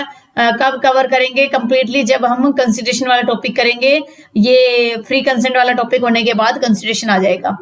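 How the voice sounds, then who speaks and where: Woman law tutor, high-pitched, patient step-by-step explainer who quizzes her class. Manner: explains step by step, repeats questions and answers to students. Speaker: law teacher. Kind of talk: spoken lecture reading out legal text.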